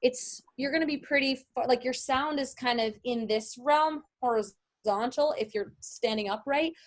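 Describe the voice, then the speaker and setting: Speaking at a moderate pace in a high-pitched voice, a voice-over artist gives an informal online lesson. She explains and fields questions in a conversational way.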